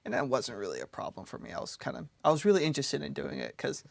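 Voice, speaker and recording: A young man with an American accent talks through his experience in a casual debate, leaning on "like" as he goes. His pitch swings a lot and his voice has a gravelly fry. The sound is dry and close. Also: expressive, quick pace, no room sound. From United States. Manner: loose, filler-heavy storytelling with frequent "like". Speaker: debate guest supporting conscription.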